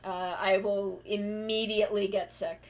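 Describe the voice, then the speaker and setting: Chatting unhurriedly while drawing, this female streamer keeps a level tone at a medium pitch. Her talk wanders, she fixes her own sentences partway through, and now and then she curses.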